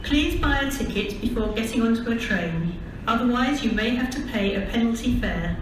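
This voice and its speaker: A British woman making formal, measured train station announcements, reading out scripted details item by item. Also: on the high side, expressive, distant mic. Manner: formal, measured, listing stops one by one. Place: large railway station, over public address. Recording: echoey, noisy station tannoy heard from afar. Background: station ambience noise.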